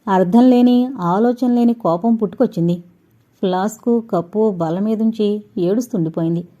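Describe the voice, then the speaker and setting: Mellow-voiced woman reading a novel aloud. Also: medium pitch, lo-fi sound. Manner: steady storytelling. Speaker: audiobook narrator.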